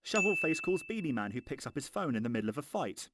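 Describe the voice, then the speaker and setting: A man's voice: a little high, sing-song, fast talker, very noisy. A man narrating a scripted film review in a mocking, exasperated, sweary way.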